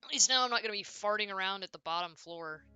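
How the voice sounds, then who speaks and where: A woman's voice: mid-range voice, fast, sharp tone. A woman streaming a horror game, chatting casually and reacting aloud as she plays, self-deprecating and talkative. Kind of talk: casual gameplay commentary.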